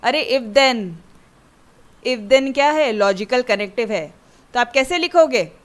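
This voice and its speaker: A woman's voice: fairly high pitch, lively intonation, slow. A woman maths teacher giving a chatty classroom lecture that mixes Hindi and English and keeps checking in with her students.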